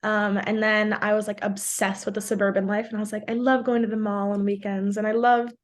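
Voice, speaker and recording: Brisk and flat in delivery, this medium-pitched woman is a New Yorker in her twenties who grew up speaking Portuguese. She's a chatty podcast guest in a casual interview, leaning heavily on "like."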